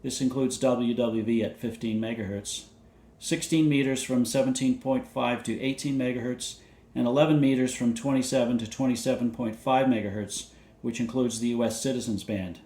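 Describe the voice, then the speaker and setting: A presenter of vintage radio videos narrates a scripted technical overview in a warm, mid-pitched voice with fairly even intonation. He goes through the details in a measured, matter-of-fact way, like someone reading out specifications. The indoor sound is roomy, with clear echo around him.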